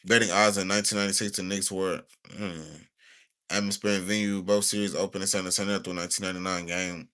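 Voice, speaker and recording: A man's voice: sits low, fairly even intonation, quick pace, pushed and bright. A young man from the United States, talking casually on a livestream. He rambles in slang and sometimes reads stiffly from notes.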